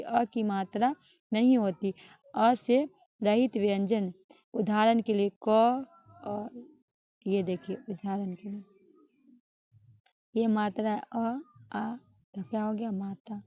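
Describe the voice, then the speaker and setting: A woman's voice: medium pitch, no room sound. A woman teaching an exam-prep grammar lesson, explaining step by step, asking questions and answering them herself. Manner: ends points with a checking "all right?". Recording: dull, lo-fi sound.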